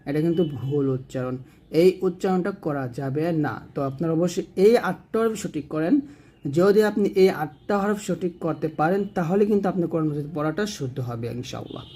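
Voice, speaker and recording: Guy teaching quran letters, kinda high voice, slows way down to sound each one out. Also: dark tone. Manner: slow drawn-out demonstration of letter sounds; patient explanatory teaching, repeating key points. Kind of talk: tajweed lesson on letter pronunciation.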